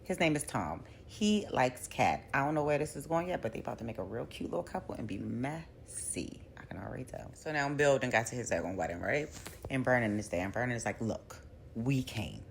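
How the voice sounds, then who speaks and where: A woman giving a casual episode recap as a reviewer, a lively storyteller who acts out the characters' lines. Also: extremely low pitch, fairly quick, vocal fry, slight background noise. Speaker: TV show reviewer.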